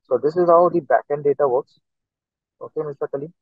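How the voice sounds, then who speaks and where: A male instructor teaches an online class, captured in a screen recording through a computer mic on a video call, so the audio is tinny and dry. His voice is on the high side and brisk with no room sound, and he walks through each step, saying "okay" constantly.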